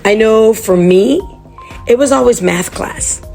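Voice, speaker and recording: A woman reading a chapter book aloud to children, chatty and animated. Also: a little high, measured pace, creaky, faint music behind.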